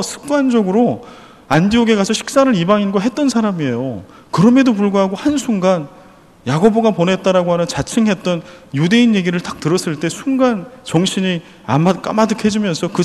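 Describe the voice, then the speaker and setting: A man's voice: sits high, darkish tone, long reverb tail. A man preaching an earnest sermon as pastor, praying aloud and asking his congregation rhetorical questions. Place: church.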